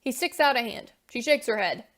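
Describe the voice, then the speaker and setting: A woman narrates a story in a brisk, fast-moving way. Her voice sits a little high. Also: expressive, a bit bright.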